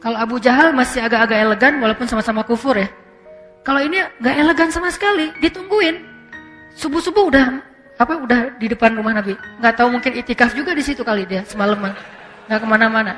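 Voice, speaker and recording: A man's voice: very high voice, fast, pushed and bright. A male preacher telling a story in a casual, chatty sermon, full of fillers and stray English words. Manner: conversational, slangy, many fillers, mixes in English words. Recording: long hall reverb with faint music.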